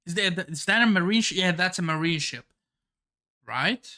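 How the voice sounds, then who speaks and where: A man hosting a manga reaction, reading along excitedly and thinking aloud with frequent exclamations and restarts. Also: high voice, moderate pace.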